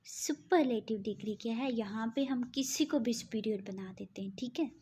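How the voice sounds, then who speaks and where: A woman teaching an English grammar lesson, explaining slowly and checking in with her listeners. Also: fairly high pitch, dark tone, slight background noise. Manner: slow, deliberate example sentences with frequent "ठीक है?" checks.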